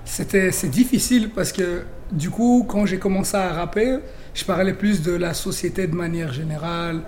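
A man's voice: high voice, normal speed, darkish tone, a little hiss or hum. A young man from Belgium, a rapper guest in a radio interview, talking chattily with many fillers and restarts.

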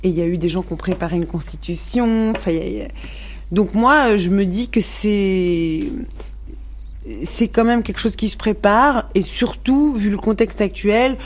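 A woman speaks her mind in a radio interview. Her voice sits at a middle pitch, and her speech is frank and full of restarts and fillers. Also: normal speed, a little hiss or hum. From Morocco. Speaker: musician guest.

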